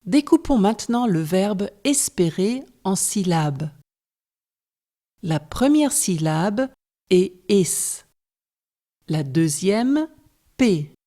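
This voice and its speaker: A woman narrates a scripted language lesson, walking through each point in careful steps. She speaks slowly and deliberately, with a lowish pitch and a warm, mellow tone. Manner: slow, careful, explains step by step. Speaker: French teacher.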